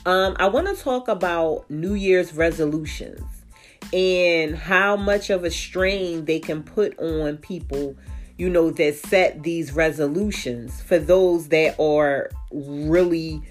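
A woman's voice: low-pitched, slow pace, soft background music. Congested woman giving frank casual advice. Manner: chatty and frank, many "you know" fillers. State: congested, stuffy nose. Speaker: vlogger. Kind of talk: casual advice talk to camera.

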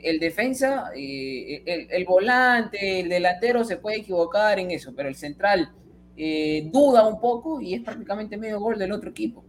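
A man giving long, rambling football analysis on a casual stream. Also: high-pitched. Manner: rambling, repeats himself while arguing his point. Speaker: football pundit.

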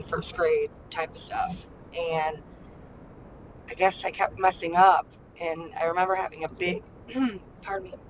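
A woman speaks in a loose, confessional monologue, circling back with constant fillers and blunt, salty language. The audio is dull and lo-fi. A soft vehicle rumble hums faintly behind her. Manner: rambling, heavy use of "like" and "you know"; blunt, swears freely. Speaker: podcast host. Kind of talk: candid personal monologue.

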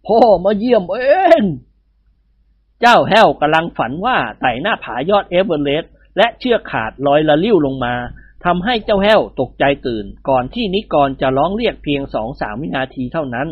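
Narrator, storybook reading, husky voice, lively pitch, dry dull recording. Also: brisk, few pauses, no echo.

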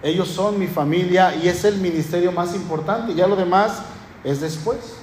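A man's voice: high voice, normal speed, darkish tone, reverberant, slight background noise. A man with a northern Mexican accent, preaching a sermon as pastor, speaking emphatically with rhetorical questions and lists. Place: church.

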